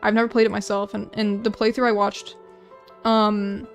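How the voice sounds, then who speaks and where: A woman's voice: medium pitch, little pitch movement, moderate pace, soft background music. A young woman streaming while she draws, chatting casually with viewers in a rambling, self-deprecating way, full of restarts. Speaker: art streamer. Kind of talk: casual livestream chat while drawing.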